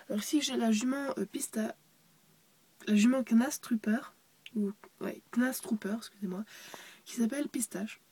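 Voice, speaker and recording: A woman's voice: on the high side, warm tone, husky. A young girl showing her toy horse ranch in a casual show-and-tell, full of fillers, self-corrections and whispered asides.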